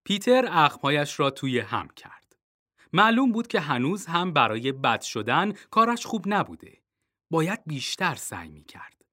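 A man reading a children's storybook aloud, expressive and dropping low for suspense. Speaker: narrator.

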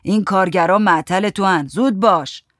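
A man voicing a grumpy, irritable old grandfather in a storybook reading, shouting his lines. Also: high voice, no echo, clean studio sound.

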